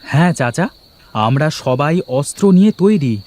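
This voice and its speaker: An earnest young villager in a storybook cartoon. His fairly high voice is lively and moves up and down, and his delivery is slow and careful. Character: earnest young male villager, eager helper.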